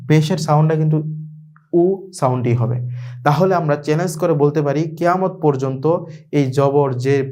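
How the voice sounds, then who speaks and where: A man's voice: fairly high pitch, a little mellow. Patient man teaching syllable drills. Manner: slow, repetitive drilling of syllables; addresses students directly, patient explaining. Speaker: Quran reading teacher. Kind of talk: online recitation lesson.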